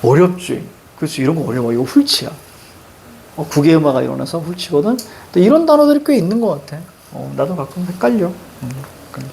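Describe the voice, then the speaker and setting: Brief: woman teacher, classroom lecture, gravelly voice, casual and jokey, slow verse reading. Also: sits low, lively intonation, darkish tone, slight background noise. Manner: chatty, jokey, reads verse slowly. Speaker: Korean literature teacher.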